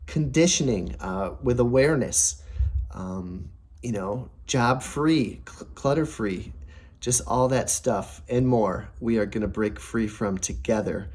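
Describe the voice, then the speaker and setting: A young adult man, a personal finance vlogger, talks casually to camera about family savings, upbeat and rambling with lots of fillers and restarts. His mid-range voice is a little mellow, he takes it slowly, and his voice tends to crack.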